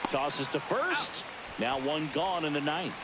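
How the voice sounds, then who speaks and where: A baseball radio announcer calling play-by-play in a sports game. His voice sits fairly high and swings with animation through short, punchy calls. Clear stadium noise runs behind him. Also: big pitch swings, takes it slowly. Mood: focused, animated. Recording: noisy stadium ambience behind voice.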